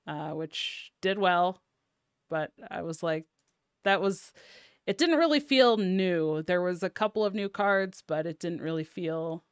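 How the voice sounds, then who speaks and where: A woman with a low, smooth voice chats about card games in a loose, filler-filled way. The sound is dry and close, with no room around it. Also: dry recording. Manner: chatty, many ums and likes. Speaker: podcast guest. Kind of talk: casual card game discussion.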